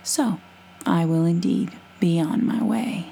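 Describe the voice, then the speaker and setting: A woman voicing a gentle wandering male storyteller who speaks politely and whimsically, with small hesitations. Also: lowish voice, takes it slowly, gravelly, full character voice, rough recording. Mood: calm.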